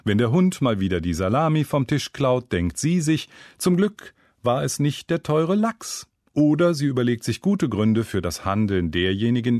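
On the low side in pitch, a man reads a scripted funny story with a wry storytelling manner and lively intonation. The close studio-mic recording has no room sound.

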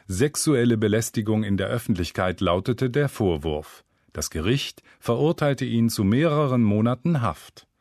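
A man's voice: lowish voice, dry recording. A man narrating a scripted humorous story in a wry, storytelling manner, recorded close on a studio mic. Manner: wry, storytelling with lively intonation.

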